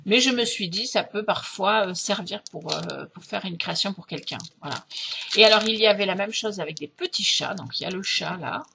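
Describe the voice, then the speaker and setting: A woman's voice: mid-range voice, animated, a little fast, gravelly, background noise. A middle-aged woman from France chatting casually through a craft haul, hesitant, with many fillers and restarts. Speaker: craft vlogger.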